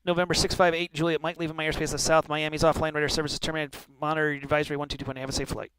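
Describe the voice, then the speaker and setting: A man's voice: fairly high pitch, little pitch movement, racing, a bit bright, smooth, no room sound. A man working as an air traffic controller, giving clipped formal instructions with occasional informal asides. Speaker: air traffic controller in online flight simulation.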